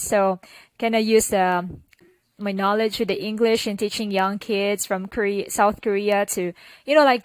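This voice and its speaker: In poor audio with no echo, a young woman from the Philippines talks casually as a podcast interview guest. She has a Filipino accent, a mid-range voice, and fills her speech with "like" and "you know."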